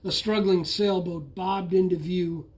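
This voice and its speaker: A man reading a picture book aloud with slow, expressive storytelling. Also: sits high. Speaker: storybook reader.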